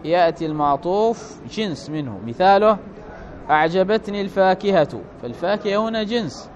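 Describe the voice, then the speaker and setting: A man's voice: high voice, expressive, fairly quick, a little mellow. A man teaching Arabic grammar in a classical lecture, reading passages from a text aloud and then explaining them in plain terms.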